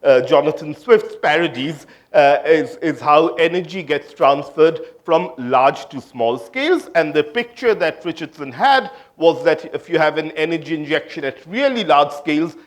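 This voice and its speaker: A man's voice: on the high side, lively intonation, normal speed, hardly any pauses. A man from India giving an academic conference talk on physics, hesitant, with many fillers and restarts. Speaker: physics lecturer.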